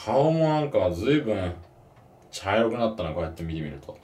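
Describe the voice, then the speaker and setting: A man's voice: fairly low pitch, big pitch swings, normal speed, darkish tone, breathy edge. A man vlogging a bicycle trip, chatting and musing aloud in a polite, casual way, outdoors and later in a hotel room. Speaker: travel vlogger cycling the old highway. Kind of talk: casual on-camera travel narration.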